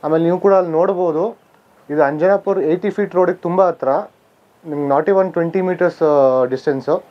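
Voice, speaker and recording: A man's voice: fairly high pitch, steady tone, fast. Man touring empty plots on camera. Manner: plain listing of figures with frequent "aa" fillers and self-corrections. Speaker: real estate guide touring sites. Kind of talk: walking site-tour narration. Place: outdoors among vacant plots on a residential street. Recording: slightly dull camera audio with faint outdoor ambience.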